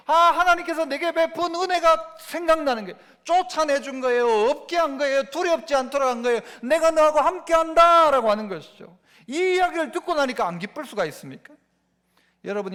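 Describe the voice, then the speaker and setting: A pastor in his fifties delivers an animated sermon. His voice sits unusually high for a man. He keeps turning to the congregation with questions.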